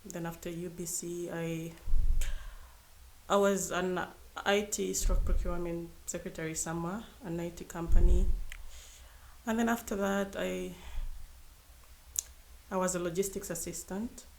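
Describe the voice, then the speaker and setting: A young woman guest in a casual podcast conversation, pausing and restarting as she talks. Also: on the low side, fairly even intonation, vocal fry, a little hiss or hum. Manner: hesitant, restarts often.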